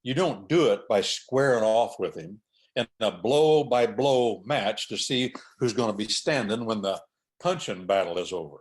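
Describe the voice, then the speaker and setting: Lively, emphatic male talk host. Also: on the low side, normal speed. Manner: emphatic, preacher-like repetition of points. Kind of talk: conversational talk on faith and order.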